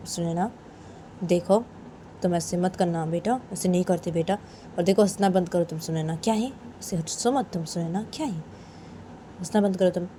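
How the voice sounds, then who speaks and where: A woman voicing a gentle father who softly coaxes his daughter. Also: normal speed, a little hiss or hum, natural voice. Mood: coaxing. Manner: soft, lowered, coaxing.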